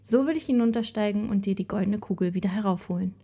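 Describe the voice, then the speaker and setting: A woman's voice: mid-range voice, fast talker, dark tone, slightly rough. A woman voicing a pushy male frog from a well in a fairy-tale reading, coaxing and insistent.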